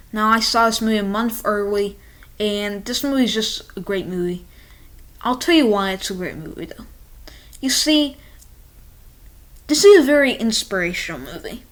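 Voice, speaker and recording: A woman hosts a casual movie-ranking vlog. She talks straight to the camera, eager and a little rambling, and keeps circling back with asides. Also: mid-range voice. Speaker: movie reviewer.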